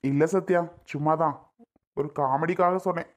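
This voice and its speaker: A woman voicing a gentle young husband who apologizes and soothes his wife in a Tamil cartoon. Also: low-pitched, fairly even intonation, moderate pace, voice pushed down, natural voice. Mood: apologetic. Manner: soft, placating.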